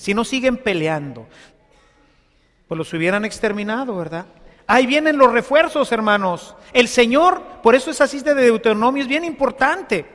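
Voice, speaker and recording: Male preacher, high voice, chatty sermon, big hall reverb. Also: a bit bright. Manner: conversational, asks the congregation for agreement. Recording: long reverb of a large hall.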